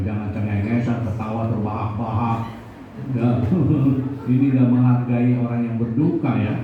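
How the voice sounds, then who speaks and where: A man preaching a sermon in a church, joking with the congregation and putting questions to them. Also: mid-range voice. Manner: jokey, conversational, asks the congregation questions. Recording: distant, echoey, phone-like, faint noise.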